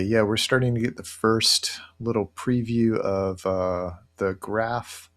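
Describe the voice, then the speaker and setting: This is a webcam screen recording from an indoor room: a middle-aged man demos software on a shared screen. His low voice carries plenty of vocal fry, and his pitch varies little. He sounds casual and hesitant, reasoning aloud as he goes.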